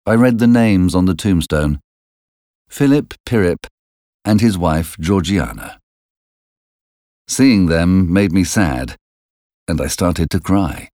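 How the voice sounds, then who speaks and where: Male audiobook narrator with a deep voice and lively, varied intonation, reading slowly in a dry room. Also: no echo. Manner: slow, deliberate reading. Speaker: audiobook reader. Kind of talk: storybook narration.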